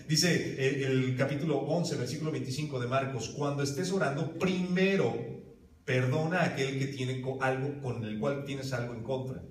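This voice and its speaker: A man preaching a sermon to his congregation, emphatic, putting questions straight to his listeners. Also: medium pitch. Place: church hall. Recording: roomy hall from a distance.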